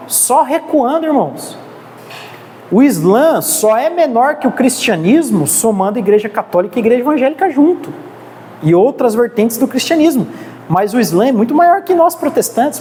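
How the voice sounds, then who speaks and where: In this church class lecture, a Brazilian-accented woman with a high, mellow voice urges her theology students on with earnest exhortation. She keeps calling the class "brothers." Faint noise and hall reverb color the audio.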